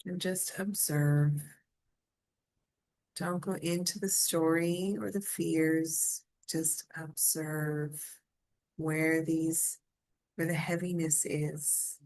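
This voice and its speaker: A woman with a low voice guides a meditation, moving at an extremely unhurried pace with quite flat, steady intonation. Her manner is gentle and soothing as she softly invites the listener along. The audio quality is poor.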